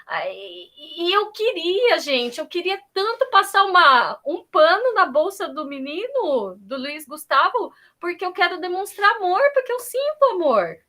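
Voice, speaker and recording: Woman sharing at a church meeting: high, bright, very animated voice, emotional storyteller, video-call audio. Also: unhurried, hardly any pauses. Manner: emotional, storytelling with quoted dialogue. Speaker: church group member. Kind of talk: personal sharing in an online prayer meeting.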